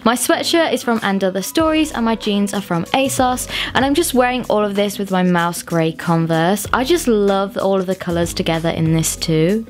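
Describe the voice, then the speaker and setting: A woman's voice: medium pitch, lively intonation, moderate pace, hardly any pauses. A woman in her twenties, a fashion vlogger giving friendly, upbeat voice-over tips on outfits. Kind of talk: scripted lookbook voice-over. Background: faint music.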